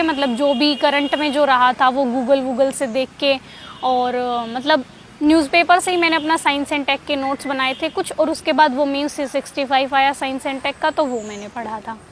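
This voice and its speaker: Woman, high-pitched, conversational, filler-heavy, exam study tips, faint traffic behind. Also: steady tone, normal speed, fairly bright tone. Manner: conversational, many fillers and restarts. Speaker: exam topper giving study advice. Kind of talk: casual advice talk.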